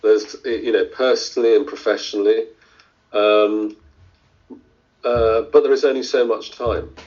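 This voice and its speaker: Thoughtful low-voiced surgeon, dull audio. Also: male voice, steady tone, measured pace, a little mellow. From India. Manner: thoughtful, many fillers and restarts. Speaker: surgeon guest. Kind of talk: interview answers.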